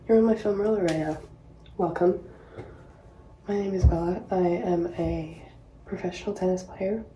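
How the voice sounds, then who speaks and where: A professional tennis player in her twenties from Hawaii vlogs while getting ready in a small bathroom, chatting casually to camera with rambling, self-mocking asides. Her voice is lowish and warm, recorded close up on a laptop or phone's built-in mic, so the sound is reverberant and rough with slight background noise.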